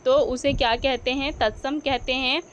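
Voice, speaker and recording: A woman's voice: sits high, steady tone, normal speed, slight background noise. A woman teaching a grammar lesson, asking questions and answering them herself, correcting her own slips as she goes.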